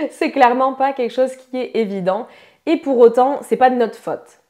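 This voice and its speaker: A young woman from France, a pronunciation teacher, giving a chatty, upbeat online lesson and drilling words slowly. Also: high voice, expressive, darkish tone.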